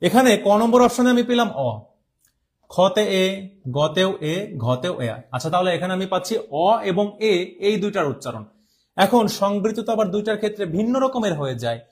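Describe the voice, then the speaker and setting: A man's voice: sits high, big pitch swings, fairly quick. A young man from Bangladesh teaching an online exam-prep class, explaining step by step and quizzing his students as he goes. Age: young adult. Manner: repeats and drawls words to show how they are said.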